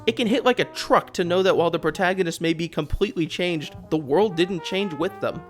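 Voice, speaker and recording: A video essayist who hosts the channel gives sarcastic, opinionated commentary on a video game, exasperated and swearing throughout the rant. The voice is medium in pitch with a fairly bright tone.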